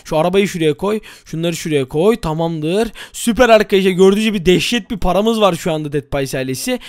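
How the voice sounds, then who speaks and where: A young man giving excitable running commentary on a game, often calling out to his viewers. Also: sits high, fast talker, clean tone, no room sound, studio quality. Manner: excitable, addresses viewers, frequent exclamations. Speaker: gaming YouTuber.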